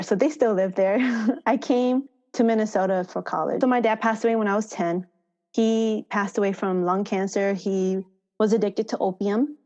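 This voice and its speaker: A woman with an American accent and ties to Thailand and the United States chats informally as a podcast guest, where she appears as a farmer education manager. Her mid-range voice is a little mellow, and the audio sounds dull in this conversational interview.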